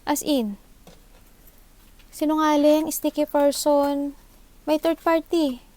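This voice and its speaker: A woman's voice: high-pitched, fairly even intonation, takes it slowly, darkish tone. A woman with a Filipino accent doing a live tarot reading, thinking aloud into her microphone, mixing English into Tagalog and often seeking agreement. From Philippines. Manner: thinks aloud, mixes English into Tagalog, asks for agreement with short tag questions. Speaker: tarot reader. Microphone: own microphone.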